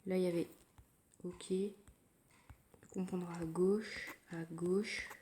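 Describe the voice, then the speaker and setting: A woman giving casual commentary while playing a mobile game, thinking aloud in a quiet, low-key way, recorded through her phone. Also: steady tone, slow pace, a little hiss or hum. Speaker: mobile gamer narrating her play. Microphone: phone screen recording.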